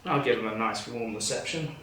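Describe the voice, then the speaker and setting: A man's voice: mid-range voice, a little fast, sharp tone, natural voice. A man playing a confident professor giving an emphatic, matter-of-fact infomercial sales demonstration. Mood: eager selling. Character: confident male professor pitching absurd home weapons. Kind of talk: parody infomercial sales pitch. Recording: echoey room, distant mic, faint noise.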